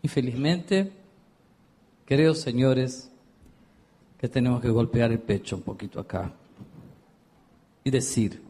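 A man who is a rabbi, giving an animated storytelling lecture. He acts out the dialogue of his anecdotes and puts questions straight to his listeners. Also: mid-range voice, takes it slowly, long pauses, husky. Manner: questions the audience directly.

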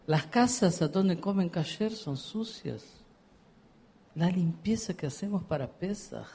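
A man who is a rabbi, giving an animated storytelling lecture. He acts out the dialogue of his anecdotes and puts questions straight to his listeners. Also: high-pitched, a little slow, slight background noise. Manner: questions the audience directly.

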